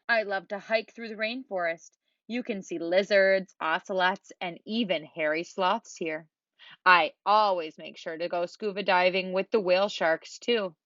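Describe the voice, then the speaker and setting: A woman's voice: lowish voice, unhurried, no room sound. A woman voicing Santa Claus as a jolly older man and kindly guide, explaining places cheerfully in a dull, dry, lo-fi recording. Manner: warm, explaining, gently cheerful.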